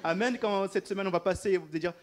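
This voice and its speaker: Animated male preacher, slightly high voice. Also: quick pace. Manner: animated, repetitive, often laughing mid-phrase. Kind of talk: sermon.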